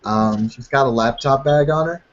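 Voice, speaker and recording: A man's voice: mid-range voice, normal speed. A man describing a scene during a tabletop game, casual and loose with swearing. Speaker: tabletop player. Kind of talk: casual role-play chat. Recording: dull lo-fi sound.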